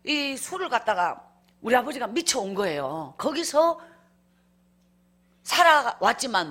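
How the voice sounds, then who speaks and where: A woman's voice: a little high, a bit bright. A woman evangelist tells her life story in a revival sermon, emphatic and acting out scenes as she goes. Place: church.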